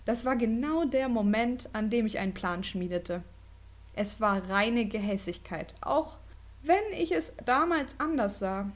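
A woman podcast host reading a ghost story aloud in a dramatic storytelling manner. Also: a little high.

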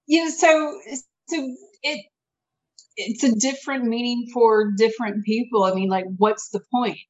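A woman co-hosts a casual podcast, thinking things through reflectively with frequent restarts and fillers. Her voice is a little high, and the recording cuts off the highs.

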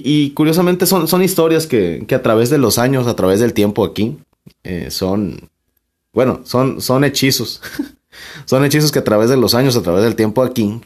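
A Mexican man spinning a casual personal anecdote, his talk full of fillers, repeated words and easy laughter. He swears freely and circles back on his own sentences as he tells it. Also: mid-range voice. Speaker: storyteller.

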